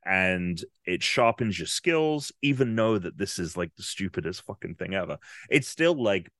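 A man co-hosting a podcast with a fairly low voice. He rambles through his thoughts and stumbles over half-formed words. He is recorded close and dry. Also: lively intonation, moderate pace, a bit bright, dry recording. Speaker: podcast co-host. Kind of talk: casual chat.

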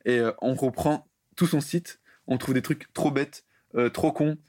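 A man's voice: medium pitch, measured pace, a little mellow, no room sound, clean studio sound. A young man co-hosting a podcast, telling stories casually with lots of fillers. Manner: rambling with many fillers. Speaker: podcast co-host. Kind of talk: casual chat, storytelling.

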